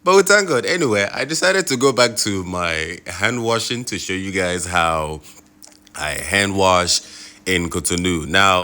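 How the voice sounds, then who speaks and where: A man from Nigeria talks casually to viewers as a travel vlogger, in an animated, colloquial way with frequent check-in tags. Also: low voice. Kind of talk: casual vlog talk to viewers.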